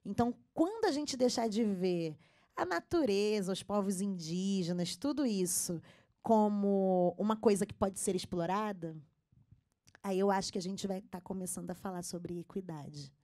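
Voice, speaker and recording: Female panelist, mellow tone, earnest and emphatic delivery. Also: mid-range voice, moderate pace. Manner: earnest, emphatic, frequent fillers. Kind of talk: panel talk. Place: symposium stage.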